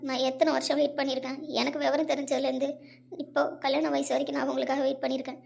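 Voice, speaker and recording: A wounded young bride pleads with emotion in an audio drama, voiced by a woman. Her voice is high and quick, with a gravelly edge. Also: little pitch movement, a little mellow, slight background noise. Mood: pleading, tender.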